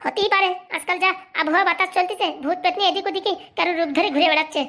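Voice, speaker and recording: A woman voicing a sharp-tongued middle-aged housewife in a comedy cartoon, scolding with quick retorts. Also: extremely high pitch, fairly even intonation. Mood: bickering.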